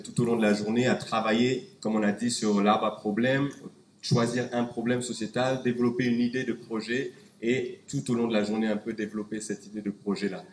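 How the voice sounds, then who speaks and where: In an echoey conference hall with faint background noise, a Canadian conference speaker talks through slides using many fillers and restarts. His voice is fairly low in pitch and darkish in tone.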